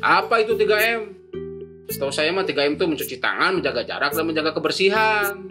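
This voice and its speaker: A man plays a middle-aged village official who scolds and commands the watchmen in a Sundanese lilt. His voice sits notably high for a man, with faint guitar music in the background. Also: expressive, fast, close to an everyday voice. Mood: scolding. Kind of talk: motion comic voice acting.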